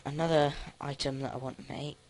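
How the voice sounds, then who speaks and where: A man casually commenting on his own gameplay, thinking aloud with many halting restarts. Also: fairly high pitch, flat delivery, vocal fry, a little mellow, slight background noise. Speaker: let's play host.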